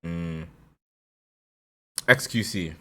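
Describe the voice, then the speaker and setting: A man co-hosting a podcast in casual chat, animated and prone to loud outbursts. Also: low-pitched, drawn-out words. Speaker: podcast co-host.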